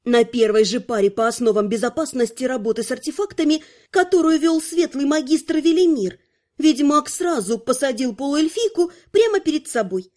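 A woman narrating a fantasy audiobook in an even, measured storytelling manner. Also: high voice.

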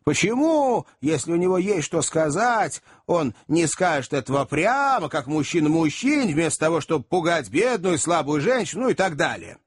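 Husky, lively male storyteller. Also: a little high, moderate pace, hardly any pauses. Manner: chatty first-person storyteller addressing gentlemen. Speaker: audiobook narrator. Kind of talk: expressive audiobook storytelling.

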